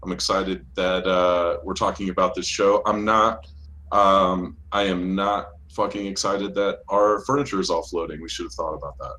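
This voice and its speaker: A man playing a blue alien co-host of a comedy talk show, laid-back and halting, with plenty of fillers. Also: sits low, steady tone, pushed and bright, rough recording.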